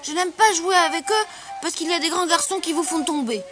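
A woman voicing a timid little schoolgirl in a storybook, speaking in high, excited exclamations. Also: a little fast, over music.

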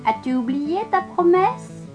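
A woman doing a raspy, coaxing frog. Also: very high-pitched, lively intonation, measured pace, music in the background, voice pushed up. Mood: insistent. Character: raspy pleading female frog, insistent about a promise.

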